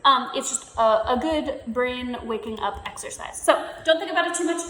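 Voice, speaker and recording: A woman leading a youth movement workshop, giving playful, encouraging instructions and calling out commands for a warm-up game. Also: high-pitched, normal speed, slight background noise. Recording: echoey, reverberant room.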